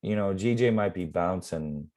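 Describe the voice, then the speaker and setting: Low, dark-voiced man explaining trades. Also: normal speed. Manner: relaxed, rambling, many fillers. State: losing his voice. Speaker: forex trading mentor. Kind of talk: casual live trading explanation.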